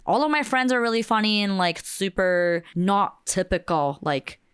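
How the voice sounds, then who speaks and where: Japanese woman in her 20s, japanese accent, chatty, lots of "like", smooth clear voice, dry close sound. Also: mid-range voice, lively intonation, moderate pace, fairly bright tone, no room sound. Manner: chatty, fills with "like", mixes in Japanese phrases. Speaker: podcast guest. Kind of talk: casual conversation.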